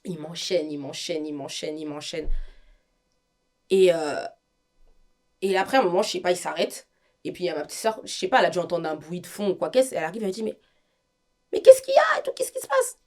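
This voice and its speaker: A woman's voice: on the low side, a little fast, long pauses. A woman with a French accent, a guest giving an emotional testimony, acting out the lines of the people in her story. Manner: animated storytelling, acts out quoted dialogue.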